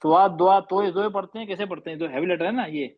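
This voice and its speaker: A man teaches Quran recitation over a call, stretching sounds slowly as he corrects students. His voice sits slightly high. The audio is dull and lo-fi. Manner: patient, slow demonstrating drills. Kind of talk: online tajweed class correction.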